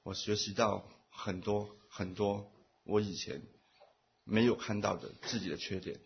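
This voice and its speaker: Man, husky and low, church testimony in short pauseful phrases, muffled lo-fi recording. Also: flat delivery. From Taiwan. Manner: speaks in short phrases, pausing for an interpreter. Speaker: church member giving testimony. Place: church meeting.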